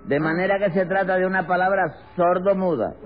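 A man acts out a scheming Cuban fraud posing as a teacher, all stammers and evasions. His voice sits high, and it comes through a thin, phone-like old radio broadcast. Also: steady tone, brisk, natural voice. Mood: bluffing. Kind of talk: 1950s radio comedy acting.

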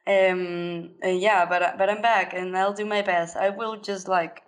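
A woman's voice: medium pitch, steady tone. Giggly woman co-host, still sick. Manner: giggly, halting, many fillers. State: recovering from illness. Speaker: podcast co-host. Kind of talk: casual chat among friends.

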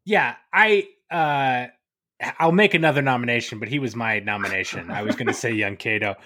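A man co-hosting a casual podcast chat about a play, talking in lively bursts and reading verse aloud with loud drama. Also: medium pitch, fairly quick. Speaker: podcast co-host.

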